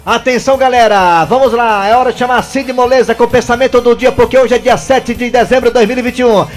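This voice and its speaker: A man hosting a comedy radio show, announcing loudly and joking. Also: extremely high pitch, fairly even intonation, quick pace, faint music behind. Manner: loud, jokey, hyped announcing.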